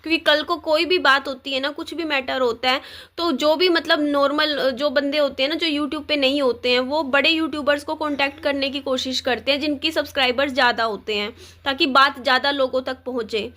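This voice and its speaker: A woman's voice: sits high, fairly even intonation, a little fast, bright, forceful tone. A young woman vlogger talking straight to her viewers, upset and defiant, pleading and repeating herself as she complains about being insulted. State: distressed. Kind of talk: emotional direct-to-camera rant.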